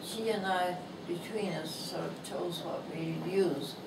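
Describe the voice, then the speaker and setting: Reading from her own book of humorous essays in a bookstore, this Canadian woman in her nineties sounds gentle, slow, and amused. Her voice is thin and weak, lowish, gravelly, and steady in tone. She wears a lapel mic but is filmed from across the room, so the shop's echo and background noise come through from a distance.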